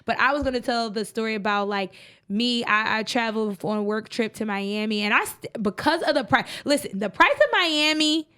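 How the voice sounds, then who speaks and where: A young adult woman co-hosting a podcast, telling travel stories in a chatty, animated way. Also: on the high side, a little fast, clean tone. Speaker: podcast co-host. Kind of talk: casual chat.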